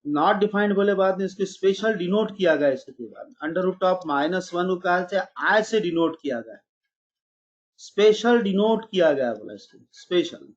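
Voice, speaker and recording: A man's voice: high voice, expressive, measured pace, lo-fi sound. A man teaching a math class online, calling his students "beta" and mixing English math terms into his explanations.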